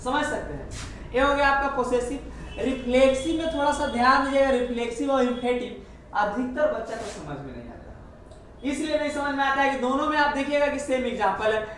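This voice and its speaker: A man teaching an English grammar lesson, explaining step by step and repeating each example slowly. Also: extremely high pitch, animated, a bit bright. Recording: echoey room, far from the mic, faint hiss.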